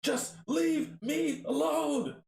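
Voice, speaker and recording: A man voicing a desperate man yelling at his accusers to leave him alone. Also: very high-pitched, drawn-out words, creaky, a little hiss or hum, pitched above the performer's own voice, full character voice. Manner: shouting, defensive. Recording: roomy echo.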